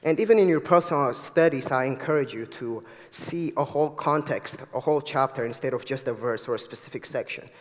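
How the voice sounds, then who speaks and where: A man's voice: medium pitch, fairly quick, few pauses, big-room sound. A man in his twenties from Ethiopia with an Ethiopian accent, preaching an earnest, eager sermon to a church congregation. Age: 20s. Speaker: guest preacher. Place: church sanctuary.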